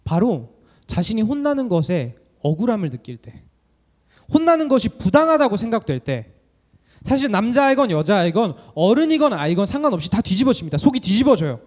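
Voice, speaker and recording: A young man preaching a sermon as a student minister, animated and full of rhetorical questions. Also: high voice, fairly quick.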